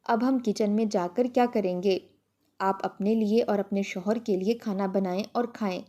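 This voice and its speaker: A woman voicing an outspoken young daughter, indignant and tearful, mellow in tone. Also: medium pitch, fairly even intonation, natural voice.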